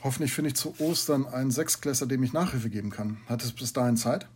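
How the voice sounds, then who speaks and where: A man voicing a shy, sad schoolboy who answers politely and hesitantly, with a husky voice. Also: medium pitch, fast talker, a little mellow, lightly acted. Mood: timid.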